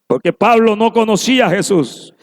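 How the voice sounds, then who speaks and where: A man's voice: high voice, animated, moderate pace. A man preaching a sermon in a church, fervent and acting out the voices he quotes. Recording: long echo of a church hall.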